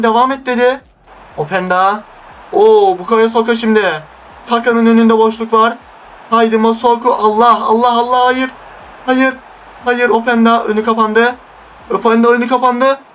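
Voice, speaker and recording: High-voiced excitable young man gaming. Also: distant mic. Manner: excitable, groaning at his own team. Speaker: gaming YouTuber. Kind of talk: live gameplay commentary.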